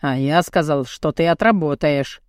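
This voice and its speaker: A woman's voice: low voice, dry recording, studio quality, voice pushed down, natural voice. Woman doing a crude, mocking muscle guy. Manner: taunting, blunt and slow. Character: crude cocky muscular young man, mocking and pushy. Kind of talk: audiobook character voice.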